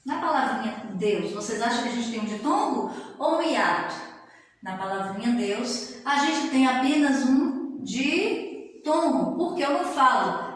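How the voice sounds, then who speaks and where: Teaching grammar in an animated way, a woman who sounds middle-aged speaks in a fairly high register, slowly stretching her syllables and often pausing to check that students follow. Her voice rings through a highly reverberant room with a lengthy decay.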